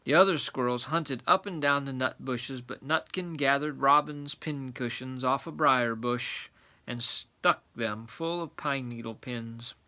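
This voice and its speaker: A man's voice: medium pitch, unhurried, bright, forceful tone. A man narrating a children's storybook aloud in a grandfatherly storytelling manner.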